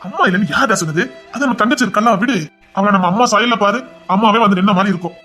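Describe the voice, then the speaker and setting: An actor playing a gentle older brother who is a police officer, speaking with a Tirunelveli Tamil accent and consoling his siblings in a voice choked with emotion. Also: high-pitched, quick pace, faint music behind. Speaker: actor in a TV serial. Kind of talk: TV serial acting.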